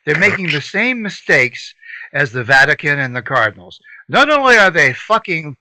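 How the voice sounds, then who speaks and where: Lively, high-voiced sarcastic man. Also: moderate pace, no room sound, low-quality recording. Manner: emphatic, sarcastic, punchy. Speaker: podcast co-host. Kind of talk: casual political chat.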